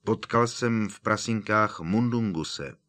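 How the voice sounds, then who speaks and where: A man's voice: fairly low pitch, a bit bright, close to an everyday voice. A man voicing an eager teenage schoolboy wizard in an audiobook reading, blurting out questions. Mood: earnest. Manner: blurting, hesitant with elders. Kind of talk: audiobook character voice.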